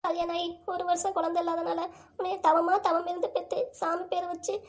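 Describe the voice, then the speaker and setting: A woman's voice: very high voice, steady tone, very fast, vocal fry, sharp tone, exaggerated voice. A woman voicing a tearful, self-pitying middle-aged mother in a cartoon comedy, with a southern Tamil Nadu accent. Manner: tearful, plaintive.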